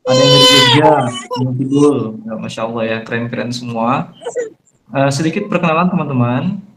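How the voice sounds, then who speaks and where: A young ustadz from Jambi, Sumatra, with a Palembang-tinged Indonesian accent, gives a chatty but firm and emphatic Islamic lecture to friends over a phone video call, addressing listeners as friends. His medium-pitched voice swoops wildly and moves a little fast, with a noisy background.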